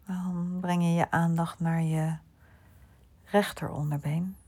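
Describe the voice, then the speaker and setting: A woman leads a bedtime relaxation in a hushed voice that often drops to a whisper. Her pace is very slow and her tone is dark and mellow, with a breathy, husky edge and a fairly low pitch. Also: steady tone. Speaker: sleep meditation guide. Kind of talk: guided sleep relaxation.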